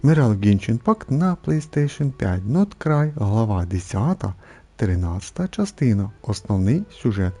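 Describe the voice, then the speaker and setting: Young man, game commentary, low voice, very dark tone, repetitive grumbling, hesitant fillers. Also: big pitch swings, normal speed. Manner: complaining, repeats himself, many fillers. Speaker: gameplay streamer. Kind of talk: casual gameplay commentary.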